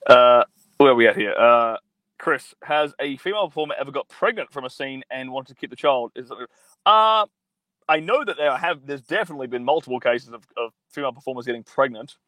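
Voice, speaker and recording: Recorded roughly on a mobile phone with a very dry, close sound and no echo, a young man streams live, reading viewer comments. His medium-pitched, sharp voice moves a little fast as he rambles crudely and profanely, with many fillers.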